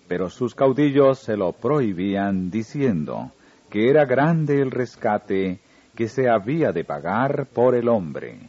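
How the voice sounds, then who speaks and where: A man reading a religious story aloud in a slow, solemn narrating manner. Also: on the low side, mellow, slightly rough. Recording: dull lo-fi recording with faint music.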